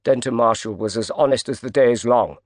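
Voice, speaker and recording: A man's voice: medium pitch, brisk, dry recording, clean studio sound, lightly acted. A man voicing an older, grieving financier who is indignant.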